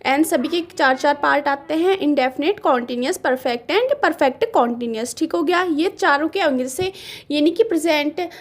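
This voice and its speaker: High-voiced woman teaching a grammar lesson. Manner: patient, repeats words slowly while writing. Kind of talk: classroom lesson explaining grammar.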